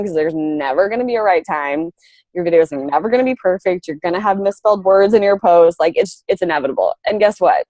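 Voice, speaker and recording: A woman's voice: mid-range voice, darkish tone, no room sound. A woman in her thirties, a coach on a casual team call, rambling with lots of fillers and frequent laughs.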